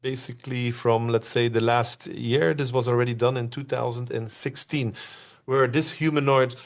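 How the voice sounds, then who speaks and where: A man from Belgium gives an online presentation, talking in a loose conversational way with frequent "uh" pauses and questions put to his audience. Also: mid-range voice, fairly even intonation, creaky.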